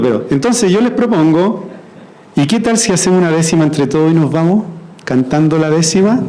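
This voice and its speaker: A man's voice: fairly high pitch, dark tone, rough recording. A man leading an audience through a group verse-writing activity, coaxing answers with frequent check-ins. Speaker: workshop facilitator. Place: event hall at a university launch.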